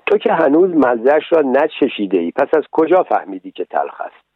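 A man voicing a kind, motherly fairy in a storybook reading, speaking calmly and gently scolding, over a tinny radio broadcast. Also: medium pitch, no echo. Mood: gentle.

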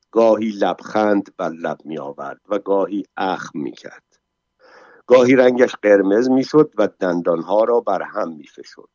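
A man reads a story aloud in a low voice, steady and measured. The recording sounds dull and lo-fi, with dry, close acoustics. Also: no echo. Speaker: narrator. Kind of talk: scripted narration.

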